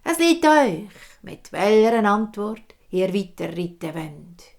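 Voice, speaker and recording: A woman storyteller with a Swiss German accent voicing a repulsive old woman who bargains slowly and slyly. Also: mid-range voice, very animated, vocal fry, darkish tone, heavily acted. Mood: sly, bargaining.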